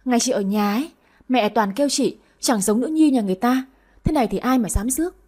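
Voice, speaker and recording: A woman voicing a lively, cheeky eight-year-old boy in an audio story, speaking in a husky, high voice. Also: a little fast. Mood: teasing. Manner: chatty, teasing.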